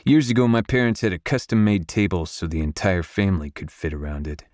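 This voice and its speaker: A man narrating a romance audiobook in first person, in a gruff, brooding manner on a close studio mic. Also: low voice, brisk, darkish tone, no echo.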